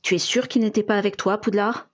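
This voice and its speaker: Woman doing a hard-nosed wizard cop in a storybook, cold and clipped, husky voice. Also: high voice, steady tone, fairly quick, fairly bright tone. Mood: suspicious. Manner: cold, curt. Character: cold, determined young wizard investigator.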